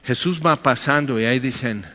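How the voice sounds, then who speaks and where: A pastor preaches in a loose, joking way, slipping into a higher voice when he acts out what people say. His voice rings with a long reverb in a large hall. The sound is muffled and lo-fi. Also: normal speed, bright, forceful tone. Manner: chatty, jokey, acts out quotes in a higher voice. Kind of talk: conversational sermon.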